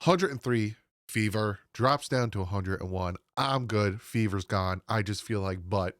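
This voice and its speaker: Congested and nasal from a cold, a man in his thirties hosts his sports channel from home, rambling casually through solo commentary with quick asides to viewers. His lowish voice is captured on a desk microphone with clean, studio-like sound and no echo.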